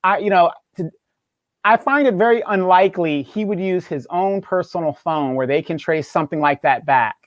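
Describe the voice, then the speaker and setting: Halting speaker with a dry, close sound. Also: mid-range voice, no echo. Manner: halting, repeats words, then quick asides. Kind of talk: casual political talk show chat.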